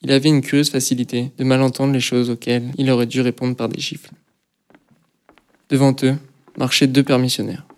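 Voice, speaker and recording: A man reading a novel aloud as narrator, in a measured, steady storytelling manner. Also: mid-range voice. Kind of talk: audiobook reading.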